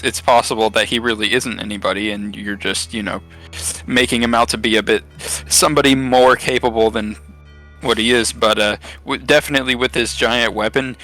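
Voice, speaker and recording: A man narrating his tabletop character, rambling and hesitant with lots of fillers. His voice is bright and tense. Faint music sits in the background. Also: medium pitch. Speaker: tabletop player.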